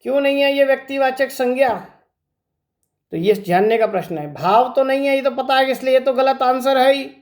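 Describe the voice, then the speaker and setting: A man's voice: very high-pitched, normal speed, a little mellow. Guy teacher walking through exam questions one step at a time, keeps asking the class questions then answering them himself. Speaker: Hindi teacher. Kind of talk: exam-prep grammar lesson.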